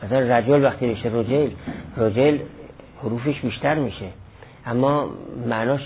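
A man teaching a class on Arabic grammar, explaining step by step with examples and answering students' questions. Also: mid-range voice. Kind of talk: classroom lecture. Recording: lo-fi phone-like recording.

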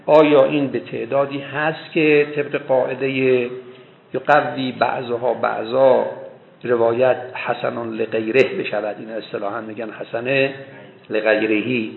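A man with a medium-pitched, level voice and vocal fry gives a scholarly religious lecture on hadith, stressing points with emphatic bursts where his voice rises. The recording is echoey and tinny, like a phone.

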